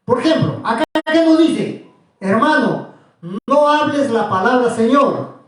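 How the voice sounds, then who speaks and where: A man's voice: extremely high pitch, animated, measured pace. A man teaching a small group about religion, asking questions again and again in an insistent way. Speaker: preacher. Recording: echoey room, voice from far off.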